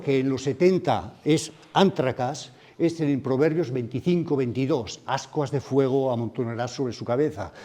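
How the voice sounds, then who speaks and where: A man's voice: medium pitch, warm tone. A man preaching a sermon at a retreat, reflective and thoughtful, often putting questions to his listeners. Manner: reflective, asks the audience questions. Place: retreat meeting room.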